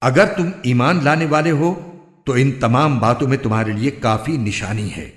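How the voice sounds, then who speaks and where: Male scripture reader, mid-pitched voice, measured solemn delivery, roomy echo. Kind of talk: scripted reading of a scripture translation. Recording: echoey, roomy recording.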